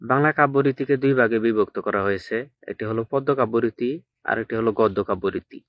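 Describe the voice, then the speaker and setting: A man teaching an exam-prep lesson, dictating slowly and repeating each point so students can note it down. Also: mid-range voice, no echo.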